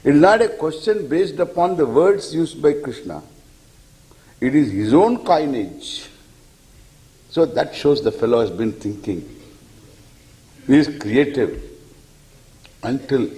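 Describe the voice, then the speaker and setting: Animated man teaching scripture. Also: medium pitch, rough recording. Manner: animated storyteller, chuckles often, recites Sanskrit verses. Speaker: spiritual teacher. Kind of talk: lecture on scripture.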